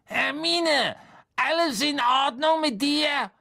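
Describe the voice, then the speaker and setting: A reader voicing a determined teenage boy who talks in a hurried, urgent way in an audiobook. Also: medium pitch, big pitch swings, vocal fry, a bit bright, slightly rough, dry recording, studio quality, voice pushed up, heavily acted. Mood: coaxing. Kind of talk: audiobook reading.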